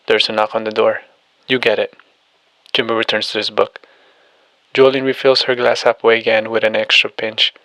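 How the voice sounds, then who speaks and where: Flat, low-voiced man reading an audiobook. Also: no echo, poor audio. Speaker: audiobook narrator. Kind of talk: scripted narration reading all characters.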